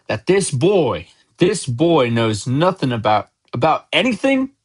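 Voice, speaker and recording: A man reading aloud, voicing a big, gruff but kindly giant groundskeeper who talks in loud, folksy outbursts. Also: medium pitch, very animated, moderate pace. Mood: gruff, exasperated.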